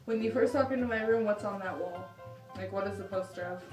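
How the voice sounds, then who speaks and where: A woman's voice: mid-range voice, fast. A young woman in her late teens talking casually with a friend during a challenge video. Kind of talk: casual chat. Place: small room at home, indoors. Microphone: camera a few feet away. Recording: echoey room, distant mic, music behind.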